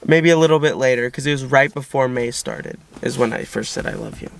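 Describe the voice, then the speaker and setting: A man's voice: mid-range voice, fairly quick, gravelly, slight background noise. A young man chatting casually with his girlfriend in a couple's vlog, rambling with lots of "like". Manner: chatty, nervous-sounding recounting, frequent "like". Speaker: vlogger, boyfriend.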